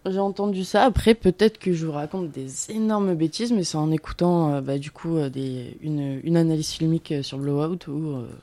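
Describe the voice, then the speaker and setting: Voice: medium pitch, normal speed, hardly any pauses, mellow, no room sound. Guest telling an anecdote on a film chat show. Tentative delivery, dry close sound. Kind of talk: casual film discussion.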